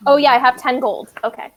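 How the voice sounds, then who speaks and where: A woman chatting as a player in a tabletop game, with playful, lively banter. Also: sits high, low-quality recording. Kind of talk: casual tabletop game chat.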